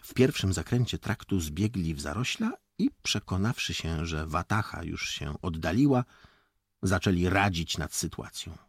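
A low, husky male voice reads an audiobook slowly and deliberately, with a widely swinging pitch. The sound is dry and close. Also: lively intonation, no room sound. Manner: slow, deliberate reading that acts out the dialogue. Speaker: narrator. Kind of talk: audiobook narration with footnotes.

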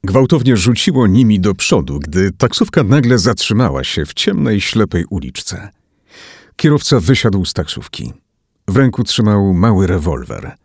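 A man reading a thriller audiobook aloud as narrator, in an expressive, dramatic manner. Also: on the low side, normal speed, husky, dry recording, clean studio sound. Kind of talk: scripted narration.

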